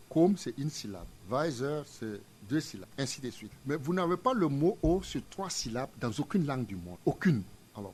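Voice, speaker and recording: A man's voice: fairly high pitch, darkish tone, slight background noise. A man, a museum director explaining his ideas in an interview with emphatic, repetitive phrasing. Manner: emphatic, didactic, repeats phrases in parallel pairs.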